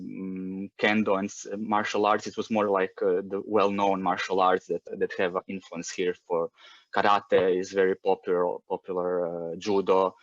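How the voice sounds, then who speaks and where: A man's voice: low voice, no room sound, highs cut off. A man in his thirties from Croatia with a Croatian accent, talking in a casual interview with many fillers and restarts. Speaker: guest.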